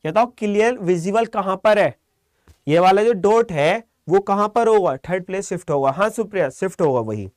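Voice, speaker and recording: A man teaching a live online shorthand class, calm and encouraging, quizzing students by name. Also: high-pitched, moderate pace, dry recording, studio quality.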